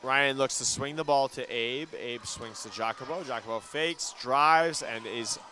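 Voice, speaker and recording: This medium-pitched male commentator delivers quick play-by-play of a school basketball game as it happens, growing loud whenever a big shot lands. Behind him, a ball can be heard bouncing in the gym.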